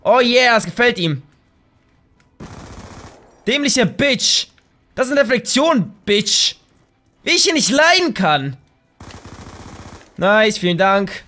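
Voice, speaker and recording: Excitable young German gamer, high and bright. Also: male voice, unhurried, long pauses. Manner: excitable, trash-talking, bursts into shouts. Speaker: gaming YouTuber. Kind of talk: live gameplay commentary.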